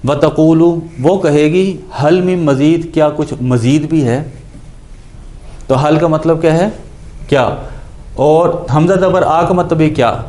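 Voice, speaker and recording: Here the speaker's pitch is fairly high and his tone warm. He teaches Quranic Arabic grammar in Urdu, explaining every word and posing questions that he answers on his own.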